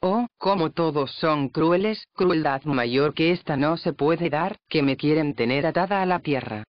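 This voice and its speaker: A man giving a steady, even scripted reading of a mystic's diary, numbering each paragraph aloud. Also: on the high side, a little slow, dry recording. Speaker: reader. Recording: dry, slightly dull recording.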